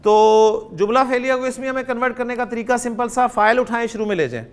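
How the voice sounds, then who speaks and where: High-voiced Pakistani man teaching grammar. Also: fairly bright tone. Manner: quizzes students, drawn-out phrase by phrase. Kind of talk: classroom lecture.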